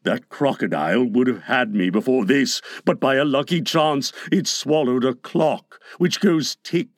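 A man voicing a menacing, brooding pirate captain in a storybook reading, slow, dark and dramatic. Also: sits low, very animated, dry recording, clean studio sound, pitched below the performer's own voice, full character voice. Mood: haunted, brooding.

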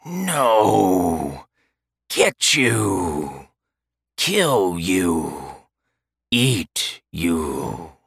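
A man voicing a ravenous undead male draugr that croaks its words out with a rough, savage edge. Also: sits low, very animated, very slow, fairly bright tone, no echo, clean studio sound, full character voice. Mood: hungry.

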